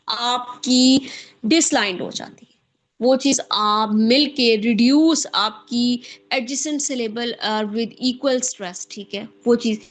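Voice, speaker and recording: Brief: woman lecturer, slow and halting, restarts words, slightly high voice. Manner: halting, repeats and corrects terms, mixes English terms in. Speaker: lecturer on speech disorders. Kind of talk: online lecture.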